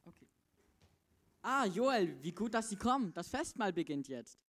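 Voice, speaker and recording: A woman's voice: medium pitch, very animated, measured pace. A woman playing a polite, dutiful male servant who speaks to his master in a formal, courteous butler manner, in a church children's Bible play.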